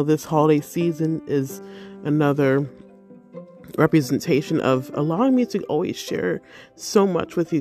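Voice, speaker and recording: A bubbly, effusive woman hosts her own life-coaching podcast in a casual, rambling monologue full of fillers. She sounds a little tired. Faint music plays quietly behind her. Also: low voice. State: tired, yawning.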